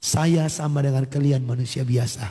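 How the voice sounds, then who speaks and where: A male pastor giving a sermon testimony at a morning prayer service. He tells the story with lively acted-out dialogue and cries of hallelujah. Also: mid-range voice, moderate pace, breathy edge. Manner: animated storytelling that acts out dialogue, with exclamations of hallelujah. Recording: long reverb of a hall.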